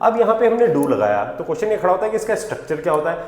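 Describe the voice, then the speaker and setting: High, lively male teacher in echoey room. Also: racing. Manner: poses rhetorical questions, then answers them; stresses key words for emphasis. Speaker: spoken English teacher. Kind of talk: grammar lesson to camera. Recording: echoey room with long reverb.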